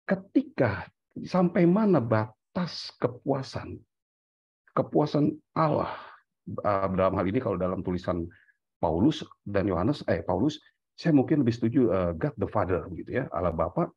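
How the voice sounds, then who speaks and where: Male panelist, low husky voice, hesitant thinking-aloud delivery, dry and dull recording. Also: lively intonation, normal speed, dry recording. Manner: thinking aloud with many fillers and self-corrections; mixes in English terms. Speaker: discussion panelist. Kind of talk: theological discussion.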